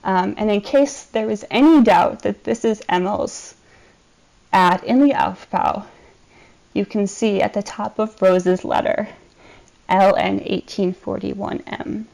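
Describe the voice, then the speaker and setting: Woman presenter, mid pitch, gravelly fry, steady explanatory delivery. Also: poor audio. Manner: measured, explanatory, with frequent ums. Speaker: archivist presenting a collection. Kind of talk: recorded presentation over slides.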